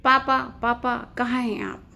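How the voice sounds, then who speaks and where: A woman's voice: mid-range voice, moderate pace, gravelly, darkish tone, a little hiss or hum. A woman voicing an angry, stubborn young wife who talks sharply and indignantly. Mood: upset.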